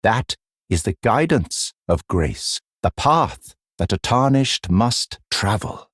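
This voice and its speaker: A man voicing a condescending, smoothly sinister masked mentor in a dark fantasy game, with mock-sympathetic, theatrical, deliberately drawn-out phrasing. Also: fairly low pitch, animated, dry recording, clean studio sound, full character voice.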